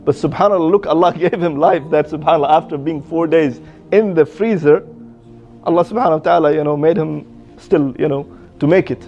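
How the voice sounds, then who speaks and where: A man telling a religious story in a casual, halting way, with many restarts and Arabic phrases, on a dull lo-fi recording. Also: on the high side, a little mellow.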